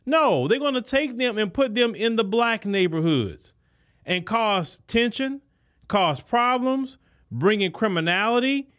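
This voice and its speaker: A man's voice: high voice, expressive, unhurried, fairly bright tone. A man hosting a podcast, giving an indignant, emphatic political commentary monologue. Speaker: podcast host.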